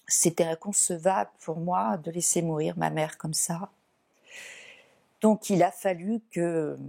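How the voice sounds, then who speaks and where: Slow gravelly-voiced woman giving testimony. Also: fairly low pitch, warm tone. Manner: hesitant, many fillers, grows emphatic. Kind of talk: spoken testimony interview.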